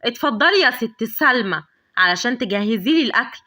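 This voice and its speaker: A woman with an Egyptian accent voicing a cocky, bossy young man in a storybook tale, talking in a smug, teasing, lowered voice. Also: expressive, fairly quick, pushed and bright.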